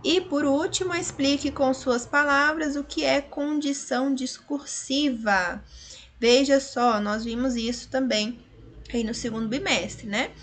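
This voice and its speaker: A woman teacher from Brazil talks through a revision lesson with a slightly high voice. She explains patiently, point by point. She keeps stopping to check that her students are following. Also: steady tone, measured pace. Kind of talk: recorded online revision lesson.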